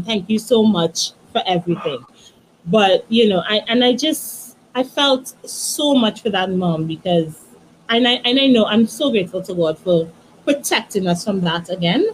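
Woman, 30s, interview guest; soft and halting with restarts, middle pitch, faint noise behind. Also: animated, rough recording. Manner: soft, halting, many restarts and "you know". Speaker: guest, author. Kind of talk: emotional personal storytelling.

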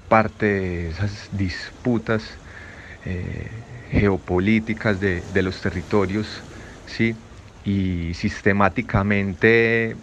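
Deep-voiced man, hesitant. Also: slight background noise. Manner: reflective, many hesitant fillers. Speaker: guest commentator. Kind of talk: radio talk commentary.

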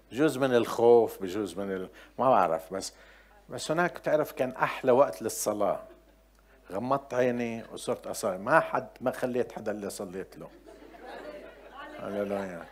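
A middle-aged man with a Levantine Arabic accent preaching a sermon, telling chatty personal anecdotes and swinging from quiet asides to loud, emphatic points. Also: mid-range voice, lively intonation, brisk, some chatter behind.

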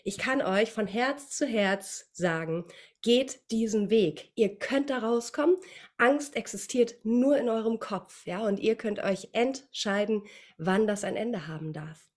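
A woman's voice: mid-range voice, unhurried. A woman voice coach talking as a guest in a podcast interview, speaking in a motivational, encouraging way. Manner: lively, warm coaching tone, laughs often.

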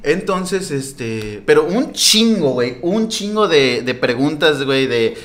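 A man's voice: on the high side, very animated, slow, fairly bright tone. A young man with a Mexican accent, animatedly telling a story in slangy casual chat, laughing as he goes. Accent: Mexican Spanish. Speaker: storyteller in a group podcast.

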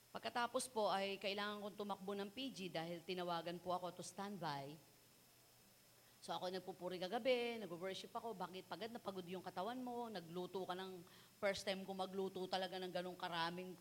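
A woman preaching a sermon. She mixes Tagalog and English and moves from a quiet personal story to loud, fervent exhortation. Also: mid-range voice, in a large hall, slight background noise. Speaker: pastor's wife preaching.

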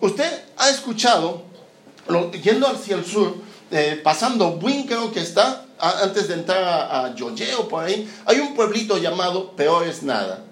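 Predicador chileno bromista con eco. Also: male voice, high-pitched, unhurried. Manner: lively, joking, acts out scenes. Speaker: preacher. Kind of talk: sermon. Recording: roomy echoing hall.

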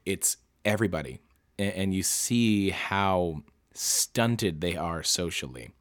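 A man hosting a book-reading show, talking through a true-crime story in casual, emotional commentary, halting and restarting often and swearing. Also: low voice, animated.

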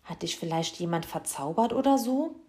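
A woman's voice: fairly low pitch, animated, moderate pace, mellow, lightly acted. A woman voicing an earnest, brave young boy in a storybook reading.

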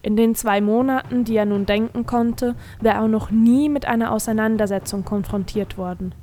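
A woman reading a fantasy story aloud as narrator, in a measured, expressive storytelling manner. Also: fairly high pitch, a little hiss or hum. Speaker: audiobook narrator. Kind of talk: scripted narration.

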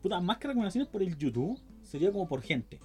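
A man's voice: high voice, big pitch swings, quick pace, husky, soft background music. A young man with a Chilean accent, chatting casually and explaining things at length with plenty of slang. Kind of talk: casual chat.

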